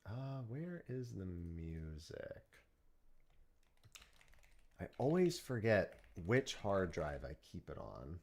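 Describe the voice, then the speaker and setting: A man's voice: low-pitched, sing-song, slow, pauses often, a little mellow. A man hosting a stream, talking casually in a group voice chat. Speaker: stream host.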